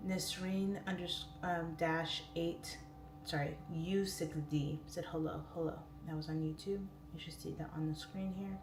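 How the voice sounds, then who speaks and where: A woman's voice: deep voice, steady tone, unhurried. A woman in her late thirties chatting casually as a livestream host, her speech slightly impeded by a swollen, newly pierced tongue. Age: late 30s. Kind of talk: casual livestream chat, reading viewer comments aloud. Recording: roomy echo, distant mic, clear background noise.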